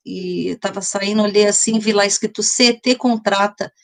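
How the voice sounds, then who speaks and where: A woman's voice: medium pitch, steady tone, normal speed, fairly bright tone. A middle-aged woman from Brazil, telling a personal story on a live stream in a rambling, chatty way, often restarting and speaking directly to viewers.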